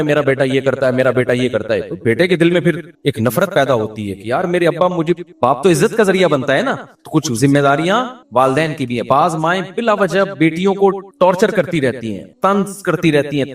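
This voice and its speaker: Man, preacher; humorous, animated storytelling; higher-pitched, roomy far-off recording. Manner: lively storytelling, acts out voices in quoted dialogue. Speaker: Islamic scholar giving a religious talk. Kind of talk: religious lecture with humorous anecdotes. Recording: roomy, distant mic.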